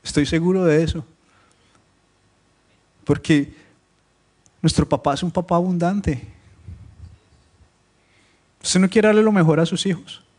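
A man preaching a Spanish-language sermon to his congregation, switching between loud, emphatic scripture reading and quiet, joking asides. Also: on the high side, fairly even intonation, measured pace, pauses often. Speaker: pastor. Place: church meeting room, streamed live.

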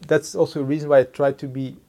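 A middle-aged company executive, a Dutch speaker with a Flemish accent, discusses his leadership. His pitch is fairly high, his delivery flat, his tone warm, and he keeps pausing to search for words while tagging points with "huh?".

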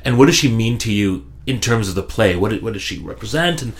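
A man with a fairly low voice hosts a podcast interview. He builds long, winding questions and stumbles over repeated words as he goes. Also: animated, fairly quick, gravelly. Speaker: podcast host. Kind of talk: conversational interview.

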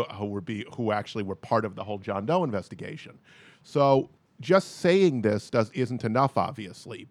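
A man on a political panel, making an analytical, measured argument. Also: on the low side, darkish tone, dry recording.

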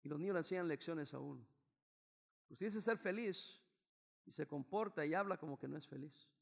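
An older man, a pastor, preaching a sermon that swings from loud exclamations down to quiet low passages. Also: moderate pace, creaky. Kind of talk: bilingual sermon.

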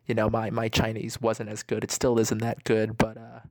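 Hesitant young American man, creaky voice. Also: lowish voice, monotone, a little mellow, dry recording, clean studio sound. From New York, United States. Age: early 20s. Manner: hesitant, pausing often. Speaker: university student exchanging audio letters. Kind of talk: personal audio letter, casual and reflective. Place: dorm room.

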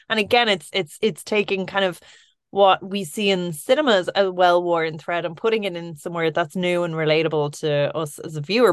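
A woman's voice: medium pitch, no room sound, studio quality. A woman hosting a podcast, chatting enthusiastically with a guest. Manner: enthusiastic, gushing. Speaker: podcast host. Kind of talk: casual interview chat.

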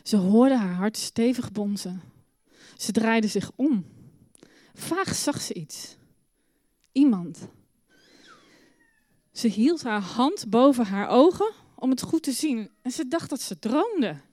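A woman telling a Bible story to children in church, with a lively, expressive storytelling manner. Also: a little high, slow, long pauses, no room sound.

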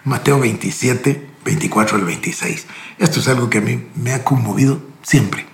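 A man's voice: mid-range voice, normal speed, gravelly. A man preaching, reading scripture aloud with emphatic, rising delivery and then commenting on it. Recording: echoey room.

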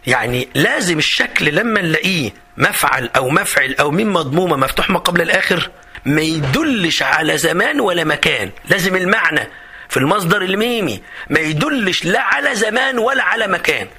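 Casting: Egyptian male teacher, lively and chatty, sharp bright tone, slightly husky. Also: high voice, brisk. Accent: Egyptian Arabic. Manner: lively, chatty, acts out student questions. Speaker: Arabic teacher. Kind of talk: exam review lesson.

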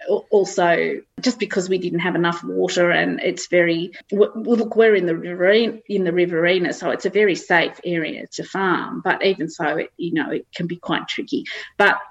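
A woman's voice: fairly low pitch, fairly even intonation, normal speed, creaky, highs cut off. A middle-aged Australian woman, a farmer, telling anecdotes in a chatty, casual interview. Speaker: farmer guest. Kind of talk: casual chat.

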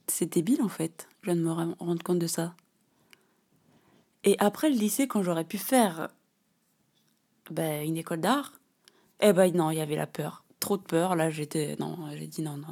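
A woman in her thirties hosting a solo podcast, telling a personal story in an animated, slangy way with lots of fillers. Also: fairly low pitch. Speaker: podcast host. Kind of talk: casual solo podcast monologue.

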